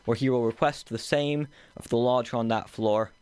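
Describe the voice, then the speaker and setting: Mysterious disembodied voice, calm, faintly amused, young man reading it, mid pitch, dry sound. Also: normal speed, smooth, dry recording, natural voice. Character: mysterious disembodied voice ruling a tower city.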